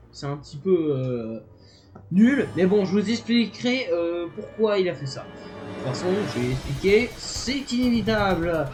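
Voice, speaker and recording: A man hosting his own video channel, talking casually in a rambling, playful, self-mocking way, full of fillers and restarts. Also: high-pitched. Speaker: YouTube channel host. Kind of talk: casual chatty video intro. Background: background music.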